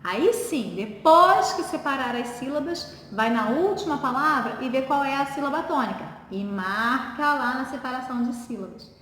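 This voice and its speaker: Lady teacher, high voice, patient step by step explaining, echoey room w/ faint background hum. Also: fairly bright tone. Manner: patient, explaining step by step, asking the class questions. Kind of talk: recorded online lesson. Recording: echoey room with long reverb.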